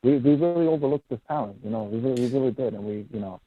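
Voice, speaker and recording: A man calling in to a show, his voice muffled as if through a wall, halting and repeating words. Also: mid-range voice, a loud crowd. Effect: muffled phone line, as if through a wall. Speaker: caller. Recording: muffled tinny phone line.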